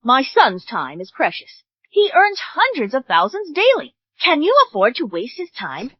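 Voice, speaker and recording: A woman's voice: high-pitched, wildly swooping pitch, moderate pace, slightly rough, no room sound, heavily acted. A woman dubbing a snobbish, scornful wealthy mother-in-law who talks down to others. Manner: haughty, insulting. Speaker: groom's mother. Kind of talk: English drama dub. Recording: dull dry studio dub.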